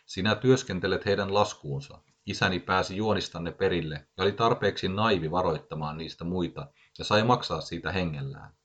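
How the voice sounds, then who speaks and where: A man's voice: sits low, few pauses, a bit bright. A man voicing a paranoid, furious gunman of about forty who makes threatening, ranting accusations, heard in a dull lo-fi recording. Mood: menacing.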